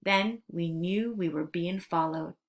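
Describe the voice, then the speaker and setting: Woman narrator for a storybook read-aloud, steady and earnest in her delivery. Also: lowish voice, unhurried.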